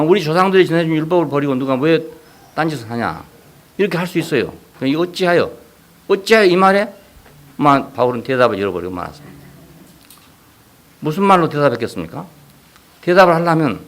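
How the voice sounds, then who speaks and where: A Gyeongsang-accented male pastor preaching with a slightly high voice and a lively, swinging intonation. He keeps throwing rhetorical questions at the congregation and acts out the voices he quotes. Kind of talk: sermon.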